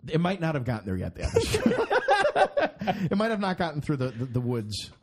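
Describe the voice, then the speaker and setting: A man from Minnesota spins a rambling personal anecdote in casual podcast chat. His voice sits high and swings widely, and he repeats words as he restarts his sentences. He laughs easily. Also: moderate pace, breathy edge. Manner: animated, stammering restarts, bursts of high laughter. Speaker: podcast host.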